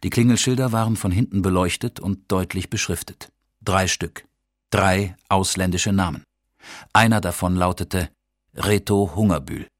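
A man narrating an audiobook in a husky, measured, matter-of-fact voice. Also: deep voice, no echo, clean studio sound.

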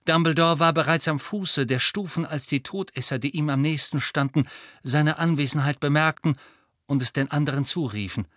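A man's voice: a little high, moderate pace, a bit bright, dry recording. A man telling a tense scene in an audiobook with a slightly raised voice, giving the story drama. The read is recorded dry and close, with no room around it. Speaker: narrator. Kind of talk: audiobook narration.

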